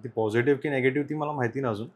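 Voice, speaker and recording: A quiet male podcast host from the Konkan region of India keeps a casual chat going. He talks at an ordinary male pitch in a low-key way and often answers with soft murmurs while his guest talks. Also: racing, husky.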